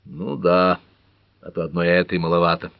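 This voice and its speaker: A man's voice: sits low, flat delivery, normal speed, creaky, a bit bright, dry recording. A man voicing a blunt, combative young man of twenty-one, in a dry audiobook reading. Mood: defiant. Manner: blunt, defiant.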